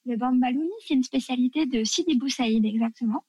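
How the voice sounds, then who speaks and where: Enthusiastic woman from france, chatty, lots of fillers, kinda high voice, dry sound. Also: a little fast, mellow, husky, no room sound. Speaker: guest sharing food tips. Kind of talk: casual chat.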